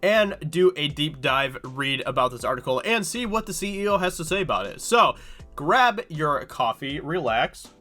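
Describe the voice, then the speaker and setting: Very animated, this YouTube host talks at normal speed in a fairly high, bright, forceful voice, congested from a cold, over soft background music. He reads through a news article and rambles casually about it with many fillers.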